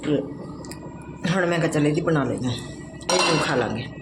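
Punjabi woman, expressive exclaiming aunty type, coaxing a pet with motherly repeated phrases; casual home-video sound with clear background noise. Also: sits low, fairly quick. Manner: motherly baby-talk with repeated short calls and commands. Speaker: home vlogger talking to pet dog. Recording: noisy handheld home video.

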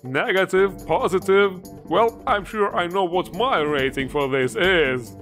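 Higher-pitched sardonic man reviewing games. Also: a little slow, fairly bright tone, soft background music. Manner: sardonic, exasperated, foul-mouthed. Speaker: video game mod reviewer. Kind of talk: sarcastic scripted review narration.

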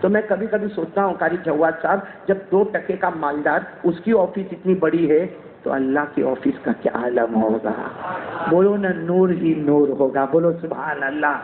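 A man preaching a sermon in a mosque, urging the crowd to call back and swinging between soaring highs and low, hushed passages. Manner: urges the crowd to answer back; dramatic swings between high and low delivery. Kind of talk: Urdu sermon with call-and-response. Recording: echoey, tinny mosque recording with crowd.

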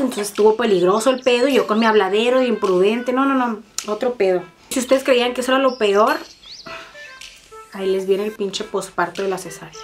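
A woman with a Mexican accent telling a personal story in fast, profane, dramatic casual chat. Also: a little high. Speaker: vlogger.

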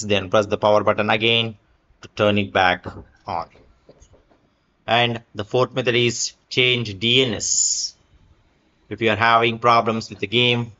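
A man's voice: on the low side, pushed and bright. Guy reading a how-to article over a screen recording, says "like" a lot, kinda dull lo-fi mic. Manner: reads an article aloud with fillers and small slips. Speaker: tutorial narrator. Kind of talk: screen-recorded tech tutorial.

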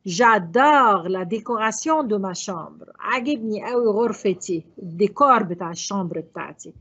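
Lively, breathy Egyptian woman teacher. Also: medium pitch, highs cut off. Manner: explains in French with quick Egyptian Arabic asides. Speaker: French teacher. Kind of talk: exam review lesson.

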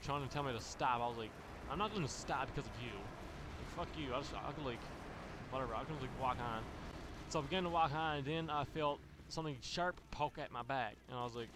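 A man's voice: medium pitch, quick pace, background noise. A man telling a long story in a loose, profane, rambling way, with lots of restarts and fillers. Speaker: gaming channel host. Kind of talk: rambling storytelling over gameplay. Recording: gunfire from game audio behind. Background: video game gunfire.

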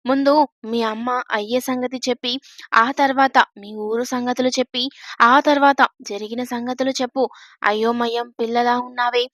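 A woman as a gently scolding motherly companion. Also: on the high side, steady tone, moderate pace, no echo, studio quality, close to an everyday voice. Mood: chiding. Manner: chiding yet reassuring.

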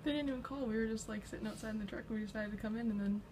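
A woman's voice: fairly high pitch, racing. A woman casually chatting as a companion to a patient, caught on phone video. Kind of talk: casual chat. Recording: noisy phone video in a room.

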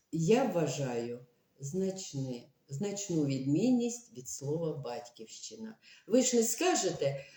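A woman from Ukraine giving an online language lesson, explaining slowly and deliberately like a teacher. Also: deep voice, dark tone, roomy sound.

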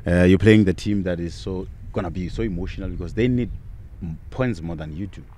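A middle-aged man co-hosting a football podcast outdoors, relaxed and laughing often, repeating words as he talks, speaking into a mic on a stand. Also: deep voice, fairly quick, a little hiss or hum. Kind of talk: casual football talk. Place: outdoors on a sunny football field. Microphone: handheld mic on a stand.

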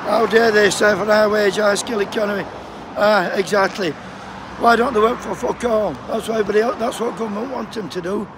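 This Sheffield man, a postal worker on strike, speaks in a high voice with fairly even intonation and a slightly quick pace. Standing on a cold roadside picket, he banters with people walking by in his Yorkshire accent, swearing as he goes. The vlog-like clip is noisy with traffic rushing past.

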